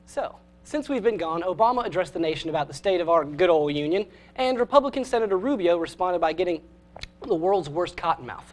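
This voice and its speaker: A man's voice: high-pitched, expressive, brisk, slight background noise. A young man hosting a student comedy news show, delivering scripted jokes with sarcasm. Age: young adult. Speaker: host.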